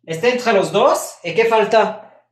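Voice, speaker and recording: A man's voice: high-pitched, roomy sound. A man teaching French in a live online grammar lesson, patiently repeating examples and checking in with his students. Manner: drawn-out French example phrases.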